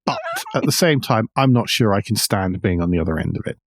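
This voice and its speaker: A middle-aged man co-hosts a podcast, chatting casually and wryly about car news. His voice sits lowish, with lively intonation and a brisk pace, and the recording is dry and clean, studio quality.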